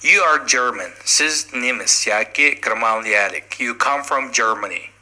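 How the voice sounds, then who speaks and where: A man teaching a language lesson, reading example sentences slowly and then explaining them in quick runs with fillers. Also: medium pitch, lively intonation, sharp tone, low-quality recording. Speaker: English teacher.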